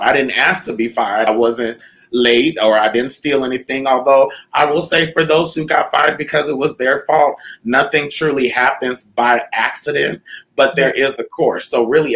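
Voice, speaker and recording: A man's voice: mid-range voice, sharp tone, poor audio. Reflective man hosting a talk. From Canada. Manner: reflective, with fillers and restarts. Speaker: host. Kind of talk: casual chat.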